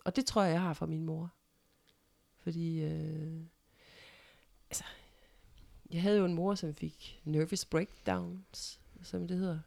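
Middle-aged woman, low creaky voice. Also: steady tone, pauses often, darkish tone. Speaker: guest, mother of the host. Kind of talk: personal storytelling in casual conversation.

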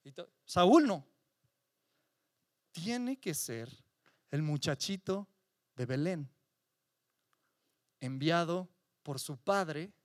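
Pastor preaching, kinda high voice, dry close sound, lots of repeating and questions. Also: male voice, dry recording. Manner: emphatic preaching with repetitions and rhetorical questions. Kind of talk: sermon.

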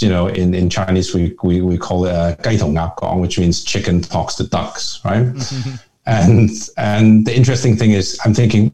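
Middle-aged guy from northern ireland, low mellow voice, rambly reflective interview talk. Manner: reflective, discursive, frequent restarts. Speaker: guest, family office chairman. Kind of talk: conversational interview.

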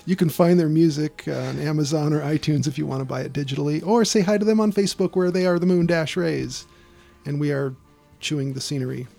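Male podcast host, casual and conversational, gravelly fry in a fairly high voice. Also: a little fast, mellow, soft background music. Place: small garden shed.

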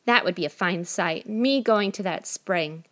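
A woman's voice: on the low side, measured pace, close to an everyday voice. A woman doing a sneering spoiled girl. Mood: sulky. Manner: sneering and sulky. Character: rude, proud spoiled young girl.

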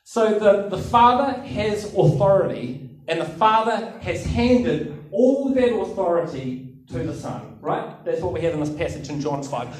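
A man's voice: high voice, expressive, measured pace, few pauses. A man preaching in an echoing hall. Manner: chatty, self-mocking, many um fillers. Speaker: pastor. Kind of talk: sermon with a personal story. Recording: echoey hall, distant mic.

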